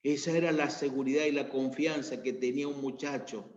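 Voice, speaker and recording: Argentine pastor preaching in an echoey hall. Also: male voice, fairly even intonation, a little fast. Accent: Argentine Spanish. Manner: preaching, rising to emphatic peaks then dropping low. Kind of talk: sermon. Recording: echoey church room, dull lo-fi sound.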